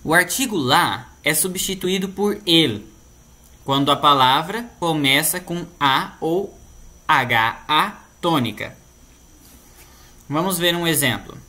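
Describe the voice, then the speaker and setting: Bright-voiced Brazilian man teaching grammar. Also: fairly high pitch, lively intonation, takes it slowly. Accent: Brazilian Portuguese. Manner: patient, explanatory, tags sentences with "né?". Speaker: Spanish teacher. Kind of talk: explaining grammar lesson.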